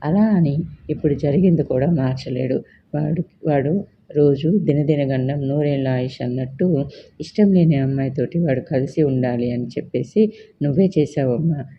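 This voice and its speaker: A man's voice: a little high, moderate pace, muffled recording, slight background noise, lightly acted. A storyteller voicing a frustrated young man who heatedly argues with his mother. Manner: heated, accusing, insistent.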